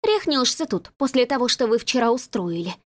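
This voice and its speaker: A woman reading a story and voicing a sharp-tongued, easily rattled young woman in an indignant, sarcastic manner. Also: on the high side, very animated, brisk, voice pushed up.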